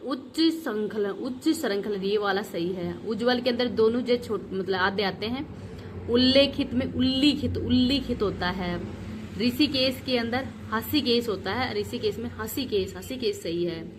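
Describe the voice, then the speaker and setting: A woman's voice: on the high side, noisy background. Woman teacher drilling spellings. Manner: repeats each word slowly to drill spelling. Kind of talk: exam revision lesson.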